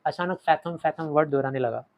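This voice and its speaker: A man teaching a short story in Hindi, reading English lines with an Indian accent and acting out quoted lines before dropping to quiet asides. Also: on the high side, a little fast, lo-fi sound. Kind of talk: explaining a story in Hindi lecture.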